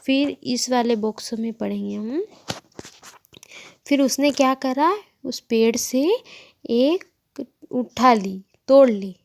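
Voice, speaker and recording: A woman's voice: a little high, takes it slowly, gravelly, pauses often, slight background noise. A woman teacher reading a textbook story to children, asking questions and answering them herself.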